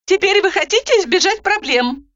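A woman voicing an excitable, bossy woman doctor who barks emphatic orders, on a dull lo-fi recording. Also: extremely high pitch, moderate pace, pitched above the performer's own voice. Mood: brisk.

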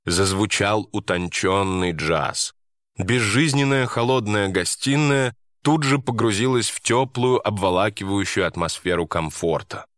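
A male audiobook narrator reading a story in an even, measured way. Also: lowish voice, dry recording, studio quality. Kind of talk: scripted narration.

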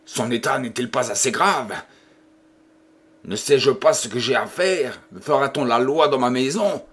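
A man reading an audiobook, voicing a furious, domineering husband who shouts down a priest. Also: medium pitch, unhurried, slightly rough. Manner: raging, shouting outbursts. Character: furious domineering husband refusing his dying wife a priest. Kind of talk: audiobook character voice.

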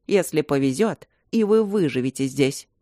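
A woman's voice: low-pitched, expressive, moderate pace, dark tone, no room sound, studio quality. A woman voicing a cold, irritated male professor in an audiobook, speaking curtly through her teeth. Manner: curt, clipped, through teeth.

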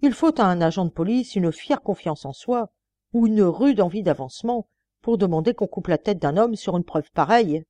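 A woman's voice: medium pitch, animated, moderate pace, warm tone, no echo, natural voice. A woman reading the part of a defiant, ironic male murder suspect under questioning. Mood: scornful. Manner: mocking, then indignant pleading.

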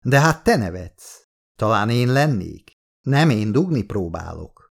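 A man playing a vulgar joker, teasing, low, gravelly, audiobook dialogue. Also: very animated, exaggerated voice. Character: crude joking young man, vulgar and teasing. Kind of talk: audiobook character voice.

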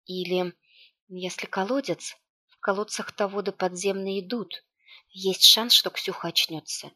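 A woman reading an audiobook aloud, with a hushed, tense delivery and light character voicing. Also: medium pitch, fairly even intonation, a little slow. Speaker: audiobook narrator.

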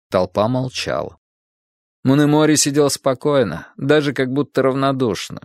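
A man's voice: medium pitch, no echo. Man reading an audiobook, dry studio sound. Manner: dramatic, measured storytelling. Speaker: audiobook narrator. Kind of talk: scripted history audiobook narration.

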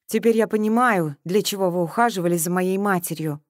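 Смелая молодая женщина-сыщица, говорит обвиняюще и напористо, её читает чтица. Аудиокнига, сухой близкий звук. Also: female voice, on the low side, a little fast, no echo, studio quality, close to an everyday voice. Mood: accusing. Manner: accusing, then shaky. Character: young woman amateur sleuth, bold but frightened.

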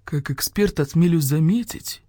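Woman doing a slow pompous vulture. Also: dark tone, dry recording, studio quality. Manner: slow, low, drawn out, mysterious. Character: pompous slow old male vulture expert.

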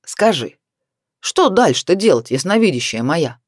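A wry, teasing middle-aged husband, as a woman reader puts him on, telling things with a lively, rising-and-falling delivery. The voice sits fairly low and sounds dry and close. It is a storybook read aloud. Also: moderate pace, no echo. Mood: defensive, mocking.

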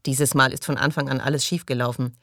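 A man voicing a calm, dry crew leader. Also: medium pitch, quick pace, gravelly, no echo. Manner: gentle, even, dryly mocking.

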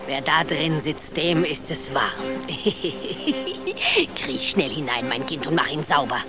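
A woman's voice: low-pitched, unhurried, music in the background. An actress playing a cruel, greedy, half-blind old witch in a radio play, cackling and taunting, sometimes dropping to sly whispers.

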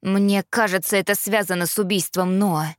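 A woman's voice: mid-range voice, steady tone, normal speed, dry recording, studio quality, close to an everyday voice. A woman voicing a drained, urgent young medium. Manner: strained, urgent. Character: young man, medium, drained after contacting spirits.

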